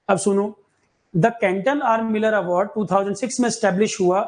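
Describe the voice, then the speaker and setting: On a low-quality recording, a man from India speaks in a high, somewhat mellow voice while teaching current affairs to exam candidates. His style is repetitive: he hammers home key facts and keeps asking students whether it's clear.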